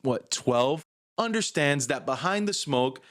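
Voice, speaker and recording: A man co-hosting a casual podcast, an animated storyteller who swears and slips into funny voices. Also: on the high side, unhurried. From Cuban-American, Miami. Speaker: podcast co-host.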